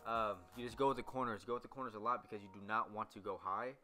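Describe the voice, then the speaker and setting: A man's voice: lowish voice, steady tone, fast, bright, forceful tone, soft background music. A young man, a barber, talking loosely through a haircut tutorial with lots of ums and restarts. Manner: loose, rambling, many fillers. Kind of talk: casual voice-over tutorial.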